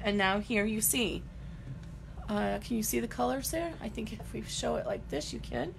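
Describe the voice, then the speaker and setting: A woman's voice: fairly high pitch, vocal fry, fairly bright tone, a little hiss or hum. A woman giving a chatty live-stream embroidery demonstration, greeting viewers and talking through each step as she works.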